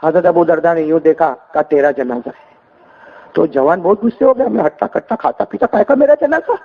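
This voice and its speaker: A male preacher telling stories in a lively sermon, prompting the congregation to repeat after him. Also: sits high, narrow, tinny audio. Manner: animated call-and-response with the congregation. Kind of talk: sermon storytelling.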